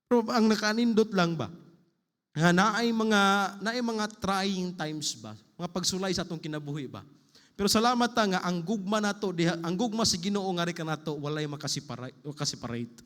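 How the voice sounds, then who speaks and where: A man preaches a Sunday sermon in a church, moving between Cebuano and English. He reads scripture with rising, emphatic lists. His fairly high voice trails off into a long hall reverb. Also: animated, normal speed, fairly bright tone. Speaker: pastor. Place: church sanctuary.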